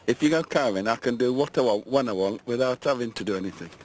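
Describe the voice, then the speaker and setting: Plain-spoken man, mid-pitched. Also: quick pace, darkish tone, a little hiss or hum. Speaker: interviewee. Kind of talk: casual vox pop.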